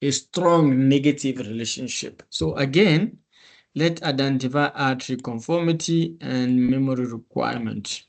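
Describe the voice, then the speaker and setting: Guy teaching on a video call, slow and methodical, walks thru each step. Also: mid-range voice, gravelly. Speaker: instructor. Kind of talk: screen-share tutorial walkthrough. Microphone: computer mic on a meeting call.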